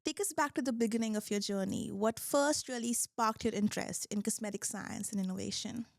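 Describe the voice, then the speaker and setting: A young adult woman hosting a podcast reads a scripted intro, then asks interview questions in an upbeat, encouraging way. Her voice is fairly high, a little mellow, brisk, and touched with vocal fry, recorded in studio quality with no room sound.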